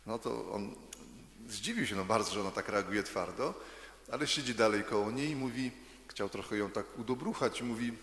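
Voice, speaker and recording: A man's voice: lowish voice, moderate pace, fairly bright tone. A man telling a story to children in a chatty way, putting questions to them as he goes, in an echoey hall.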